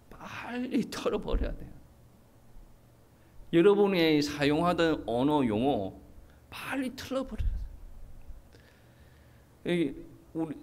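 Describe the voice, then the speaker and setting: Animated Gyeongsang pastor preaching. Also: male voice, on the high side. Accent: Gyeongsang Korean. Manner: animated preaching with lively quoted asides. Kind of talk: expository sermon.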